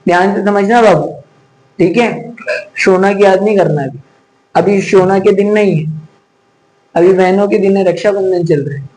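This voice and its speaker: A man's voice: high voice, normal speed, pauses often, darkish tone, rough recording. A man teaching a physics class, chatty and teasing, scolding students to focus and mixing in English terms. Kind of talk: classroom lecture.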